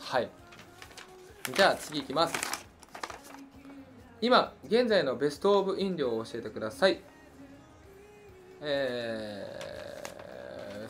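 A young man from Hiroshima with a Hiroshima accent, a singer hosting a fan livestream and chatting casually as he answers listener questions, musing aloud with frequent fillers. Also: mid-range voice. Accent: Hiroshima Japanese. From Hiroshima, Japan. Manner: relaxed and chatty, muses aloud with many fillers.

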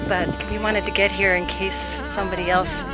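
A middle-aged woman chats casually as she films her day on a sailboat, pointing out sights and reacting with quick exclamations. She talks at an ordinary pitch into a camera held at arm's length outdoors. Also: flat delivery, over loud music. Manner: chatty, exclaiming, tour-guide pointing things out. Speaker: sailing vlogger. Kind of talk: casual vlog narration. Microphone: handheld camera or tablet at arm's length.

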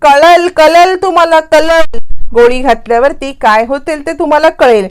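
Lady putting on a bossy fake gangster woman, high-ish voice, scolds and threatens. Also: moderate pace, natural voice. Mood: threatening. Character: bossy woman posing as a gun-waving thug.

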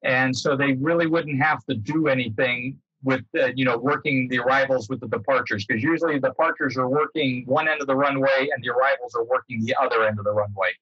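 With a slightly fast delivery and hardly any pauses, this older American man, once an air traffic controller, gives a casual explanation as a guest speaker, rephrasing as he talks. His mid-range voice has a breathy edge. A computer mic on the video call captures him in a book-lined home room, with dull, roomy, low-fidelity audio.

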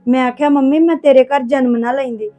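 A woman's voice: sits high, steady tone, fairly quick, warm tone, soft background music, natural voice. A young woman playing a girl from a poor home in an amateur family drama, earnest and pleading. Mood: hurt.

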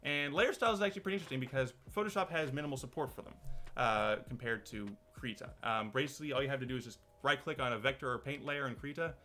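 A fast-talking channel host with a bright, forceful, medium-pitched voice rambles casually to camera. He restarts his sentences many times throughout this loose commentary.

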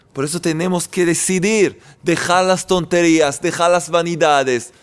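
Guy preaching, earnest and urging, kinda high smooth voice. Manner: earnest, exhorting, acts out quoted voices. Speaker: rabbi teaching on faith. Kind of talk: spoken sermon.

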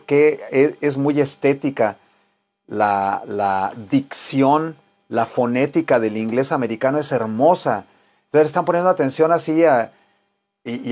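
A man with a Mexican Spanish accent teaching an English lesson, rambling and encouraging, slowing down to model example sentences. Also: mid-range voice, darkish tone.

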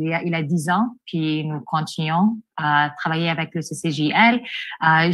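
A woman who is a parent and a teacher, introducing herself on a video call, hesitant and full of restarts. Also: fairly low pitch.

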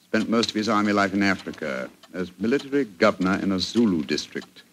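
An actor playing a genial, pompous, bumbling English doctor with a British accent in a 1940s radio drama. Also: male voice, on the low side, animated, brisk, fairly bright tone. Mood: storytelling. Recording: noisy 1940s radio recording.

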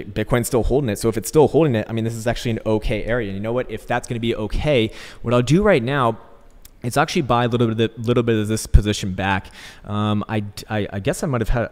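A man's voice: on the low side, darkish tone. A man giving casual, rambling market commentary with jokey, coarse slang, recorded in a bare echoey room like a warehouse. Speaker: host of crypto trading channel. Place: indoors, untreated hard-walled room.

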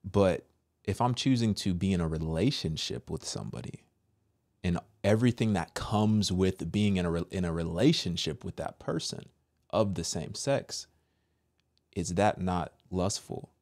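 A man's voice: low voice, animated, normal speed, a little mellow. A man in his thirties giving preachy reaction commentary into a close microphone, with rhetorical questions. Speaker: reaction video host. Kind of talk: commentary on a played video. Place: small indoor room. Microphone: close desk microphone with headphones.

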